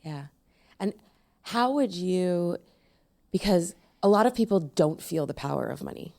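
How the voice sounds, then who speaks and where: A woman hosts a podcast interview with a very low voice. Her tone is dark and mellow, and she asks questions softly and with curiosity. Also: lively intonation, unhurried, creaky. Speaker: podcast host.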